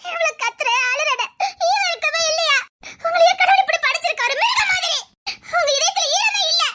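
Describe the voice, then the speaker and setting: A piercing, very high and bright voice of a young woman in a TV serial, sobbing and pleading for her father. She shouts through her tears in raw anguish, with tense, shrill breaks. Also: animated, quick pace, full character voice. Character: desperate young woman begging to see her lost father. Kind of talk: tearful TV serial acting.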